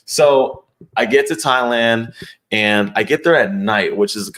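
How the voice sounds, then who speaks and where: A man's voice: mid-range voice, measured pace, a bit bright. Earnest young man telling a story. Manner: earnest, rambling with restarts, heartfelt. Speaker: podcast guest, fighter. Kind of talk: casual storytelling interview.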